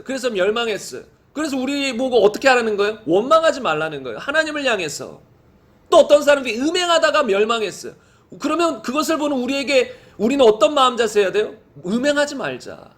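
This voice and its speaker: A male pastor with a notably high-pitched voice delivers a Sunday sermon. He reads scripture aloud slowly and solemnly, then presses his points with repeated rhetorical questions to the congregation. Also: fairly bright tone.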